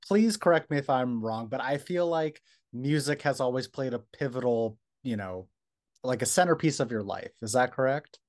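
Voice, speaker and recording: A male interviewer chats easily with his guest, agreeing often and filling pauses with "you know." His voice sits at a middle pitch. The recording is dry and close. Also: lively intonation, darkish tone, no echo. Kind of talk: casual interview chat.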